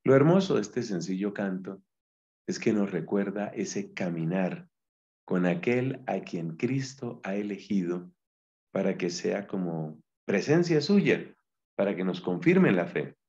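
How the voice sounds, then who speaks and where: A friar with a low voice teaches a Bible Greek lesson, talking very slowly and patiently through each word. The sound is dull and lo-fi. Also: male voice, animated, a little mellow. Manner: slow, patient explaining.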